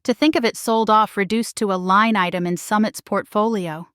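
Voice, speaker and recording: A woman narrating a dramatic first-person story in a measured, emotional way. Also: medium pitch, fairly even intonation, a bit bright, smooth, dry recording, studio quality.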